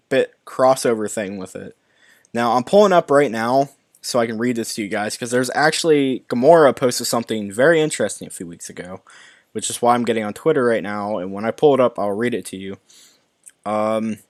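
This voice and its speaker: A man's voice: medium pitch, dry recording, clean studio sound. A young man hosting a live stream, reading movie news articles aloud and commenting, often stumbling and restarting words. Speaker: YouTube movie news host.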